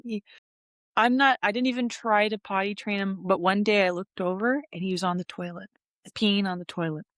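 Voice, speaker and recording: A woman co-hosting a podcast, chatting in a giggly, halting way that repeats words. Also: mid-range voice, fairly even intonation, fairly bright tone, dry recording. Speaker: podcast co-host. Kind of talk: casual podcast chat.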